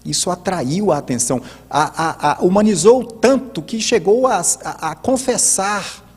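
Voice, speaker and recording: A middle-aged man talks through speech technique like a teacher, stumbling into filler restarts. His voice sits a little high with a husky edge. It rings out with a long reverb tail. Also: expressive, measured pace. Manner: didactic, many hesitant filler restarts. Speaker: host and commentator. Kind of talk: spoken commentary on political speeches.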